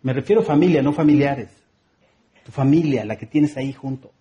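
Chatty Mexican preacher. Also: male voice, mid-range voice, brisk, dark tone, dull audio. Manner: conversational, humorous, repetitive rhythmic phrasing. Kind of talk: sermon.

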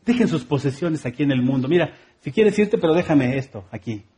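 A man's voice: a little high, expressive, a little fast, dark tone, lightly acted. A man voicing Satan as a tempter who wants to keep your possessions, in his normal voice. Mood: coaxing. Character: Satan, a tempting grasping spirit.

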